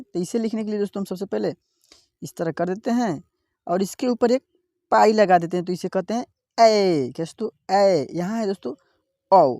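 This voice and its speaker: A woman's voice: medium pitch, warm tone, no echo, clean studio sound. A woman teaching the Hindi alphabet step by step in an online class, often asking her viewers a question and drawing out the vowel sounds. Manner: repeats "क्या दोस्तों?" often, drawing out the vowels she teaches.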